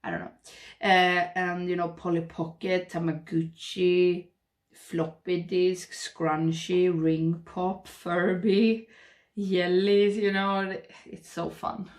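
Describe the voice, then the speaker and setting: A Swedish beauty vlogger in her thirties murmurs softly and slowly while applying makeup in her indoor home makeup room, rambling through a casual get-ready-with-me chat. Her voice is fairly low with little pitch movement, and she's framed by a webcam at her desk.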